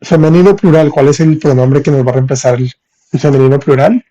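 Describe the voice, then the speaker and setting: A man teaching French in on a live stream, reading viewers' comments and saying French examples slowly. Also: fairly high pitch, steady tone, warm tone, muffled recording. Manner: reads viewers' chat, thanks them for gifts, spells French slowly. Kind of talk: live-streamed language lesson.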